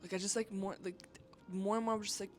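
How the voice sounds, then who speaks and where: A woman vlogger telling a story in a casual, animated rant, filling her talk with "like" and swearing when she is exasperated. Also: medium pitch, fast talker, faint music behind.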